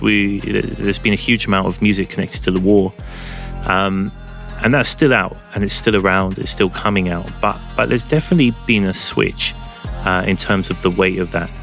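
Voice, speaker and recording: A man's voice: low voice, steady tone, moderate pace, vocal fry, fairly bright tone. A man presenting a music podcast in a casual, enthusiastic but rambling way, recorded at home under a blanket. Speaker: podcast host and DJ.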